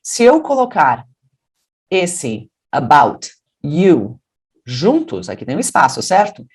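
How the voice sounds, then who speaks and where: Brazilian woman teaching english sounds, slow and bouncy, drops her voice low to demo words. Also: wildly swooping pitch, a little mellow, slightly rough. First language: Portuguese. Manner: explains slowly, then models English words in a deeper voice. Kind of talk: pronunciation lesson.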